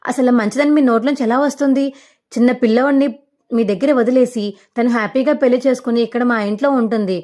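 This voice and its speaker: A woman voicing an outraged young wife, accusing, rapid delivery, slightly high voice. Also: fairly even intonation, mellow, natural voice. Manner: fiery, accusing. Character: outraged young wife confronting her deceitful co-sister.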